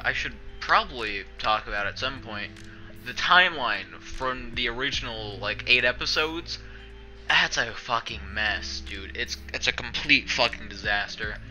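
In a roughly recorded livestream with faint music behind him, a young streamer and video editor chats from his bedroom. His medium-pitched voice is expressive, unhurried, pushed and bright as he rambles sarcastically, mocks himself, and swears plenty.

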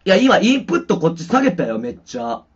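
A man's breathy, higher-pitched voice swings hugely in pitch as he talks fast. He's a musician streaming from home, rambling with many fillers while he checks his mic and guitar sound, and the audio is dull and lo-fi with distortion.

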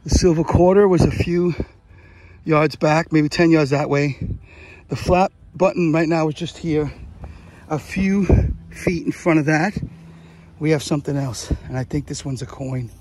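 Excitable man narrating a dig outdoors. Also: fairly high pitch, unhurried. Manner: excitable, exclaims over finds. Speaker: metal detecting vlogger. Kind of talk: casual narration while digging. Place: outdoors in a large field.

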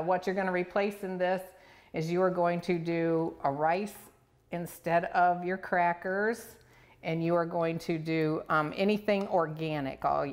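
A middle-aged woman, playfully chatting while demonstrating a recipe in a home kitchen, on a lapel mic. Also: on the low side. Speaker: cooking show host. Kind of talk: casual cooking demonstration.

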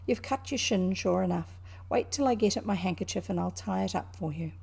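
A woman voicing an excitable male rat in a storybook, emphatic, kindly at heart but quickly exasperated. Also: mid-range voice, vocal fry, husky. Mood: kindly, attentive. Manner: emphatic, urgent. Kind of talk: animated storybook character reading.

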